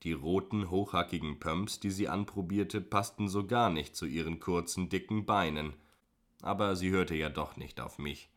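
Deep-voiced male audiobook narrator. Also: moderate pace. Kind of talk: scripted first-person narration.

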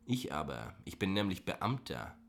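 A man's voice: low voice, sing-song, normal speed, gravelly, a bit bright, full character voice. A man reading an audiobook, voicing a blustering, bigoted middle-aged male driver who rants and talks down to people. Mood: ranting. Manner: ranting, condescending.

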